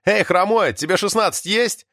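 A man reading an audiobook, voicing a brash, cheeky teenage boy who shouts indignantly. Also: sits high, moderate pace, no room sound, clean studio sound, voice pushed up.

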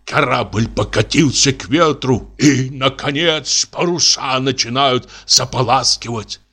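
A man voicing a deaf, pompous old retired navy captain who talks in a booming, declamatory way. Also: a little slow, sharp tone, breathy edge. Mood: rousing reminiscence.

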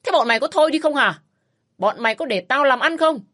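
A woman's voice: a little high, expressive, moderate pace, pitched above the performer's own voice. A woman voicing an angry, domineering old father-in-law who scolds harshly in a raised voice. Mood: furious scolding.

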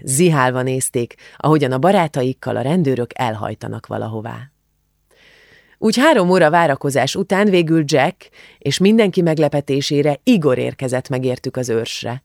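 A man reading an audiobook as narrator, telling the story in a measured, expressive way. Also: on the high side, vocal fry, dry recording, studio quality. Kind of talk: scripted narration.

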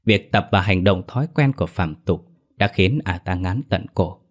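A man narrates a horror story in a steady, dramatic reading. His voice sits fairly low. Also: normal speed.

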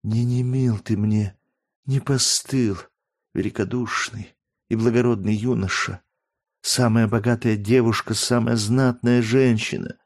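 A man's voice: medium pitch, fairly even intonation, a little slow, a little mellow, voice pushed up. A sorrowful young woman speaks in a raised, trembling voice broken by sobs, as a male narrator puts her on. Her storybook lines are tearful yet proud, pleading and then firm.

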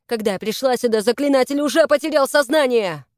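A woman voicing a frantic, quarrelsome young demon woman in an audiobook, shrill and pleading. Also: brisk, darkish tone, no echo, studio quality, natural voice.

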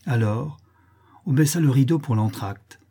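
Dark, husky male storyteller. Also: medium pitch. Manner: measured, literary storytelling. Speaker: narrator. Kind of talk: audiobook reading of a classic short story.

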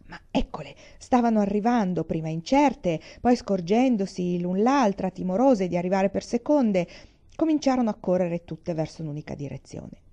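Expressive woman reading her own stories. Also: medium pitch, moderate pace, muffled recording. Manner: expressive reading with dramatic swings. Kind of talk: storytelling narration.

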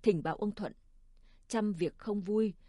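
A woman narrating a story in a calm, measured audiobook reading. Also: mid-range voice, no echo, clean studio sound.

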